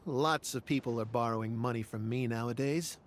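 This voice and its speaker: An actor playing a smooth-talking adult male loan shark in a video game, with breezy, persuasive patter. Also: medium pitch, fairly quick, slight background noise, lightly acted. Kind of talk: game voice acting.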